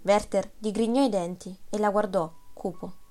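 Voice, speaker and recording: Woman reading a novel aloud, even and measured, mid voice. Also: medium pitch, faint music behind. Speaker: audiobook narrator. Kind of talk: scripted literary narration.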